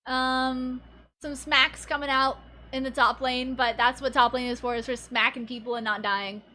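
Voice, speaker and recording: Bright high-voiced woman co-streaming esports. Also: flat delivery, normal speed. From Pacific Northwest, USA. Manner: chatty, giggly, reads chat aloud. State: sleepy early in the day. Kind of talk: casual game commentary.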